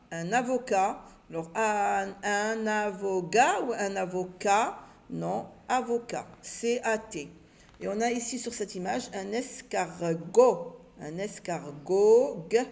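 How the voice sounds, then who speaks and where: A woman teaching a children's reading lesson, patiently sounding out syllables and letters one by one and answering her own questions. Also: medium pitch. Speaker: primary school teacher.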